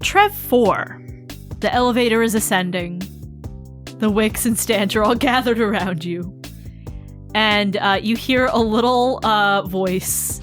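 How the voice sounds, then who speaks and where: A woman's voice: mid-range voice, slow pace, soft background music. A woman hosting a role-play podcast as game master, giving announcements and narration.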